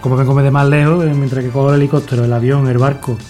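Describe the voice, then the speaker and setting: A man trades quick jokes in a comedy sketch, rattling them off at a fast pace. His tone is playful and teasing, and music plays clearly behind him. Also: mid-range voice, level tone, mellow. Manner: joking, quick banter.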